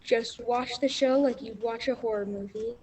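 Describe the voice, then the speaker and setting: A woman playing a brisk, bossy narrator who hosts a comic storybook stage show. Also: a little high, steady tone, a little mellow, lightly acted.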